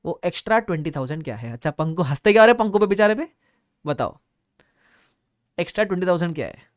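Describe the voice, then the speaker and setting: A man's voice: sits high, lively intonation, fast talker, no echo, studio quality. Playful male exam teacher. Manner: playful storytelling, mixes Hindi and English. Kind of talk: online exam lecture.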